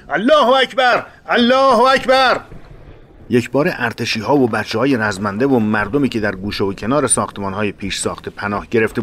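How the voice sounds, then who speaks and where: A man narrating a war memoir in a measured, dramatic reading. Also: fairly low pitch, a little hiss or hum.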